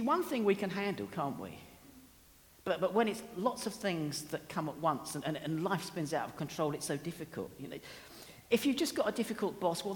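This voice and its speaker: A woman's voice: deep voice, long reverb tail. An older British woman preaching a sermon in a chatty, humorous way, full of anecdotes and asides.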